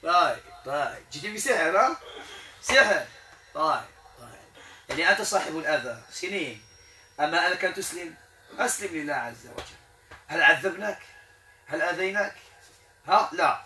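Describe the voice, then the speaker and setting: High-voiced Moroccan healer. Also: male voice, expressive, fairly quick, long pauses. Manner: keeps asking short tag questions; murmurs prayers softly. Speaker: Quranic healer. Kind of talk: spoken exorcism session. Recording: echoey room, voice from a distance, crowd behind.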